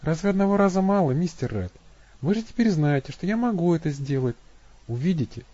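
A man's voice: a little high, animated, a little fast, dark tone, dry recording, highs cut off, pitched above the performer's own voice. A man voicing a simple, stubborn young woman who pleads in a raised, plaintive voice in an audiobook.

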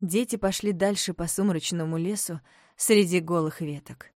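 A woman narrating a children's story with animated, expressive storytelling. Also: fairly low pitch, moderate pace, dry recording, studio quality.

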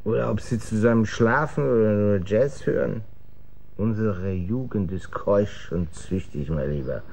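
In a German radio drama, an actor voices a bitter, cynical gentleman nursing a hangover, sardonic and worn out in manner. His voice is lowish, creaky, and a little slow.

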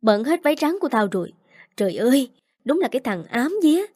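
Một người phụ nữ đọc giọng dì ghẻ cay nghiệt. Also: female voice, high-pitched, very animated, no echo, clean studio sound, voice pushed up. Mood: furious. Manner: scolding, fast and sharp. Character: spiteful young stepmother-aunt, shrill and cruel.

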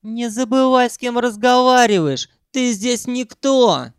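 Man playing a touchy, high-voiced celebrity singer in a storybook; shrill, haughty, easily enraged. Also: smooth, no room sound, studio quality. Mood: indignant. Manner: haughty, quick to shout and threaten. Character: pompous, squeaky male pop singer, self-important and touchy.

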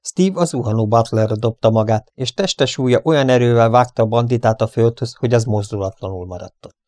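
A man reading an adventure audiobook aloud in a steady storybook narration. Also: mid-range voice, no room sound, clean studio sound. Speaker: audiobook reader.

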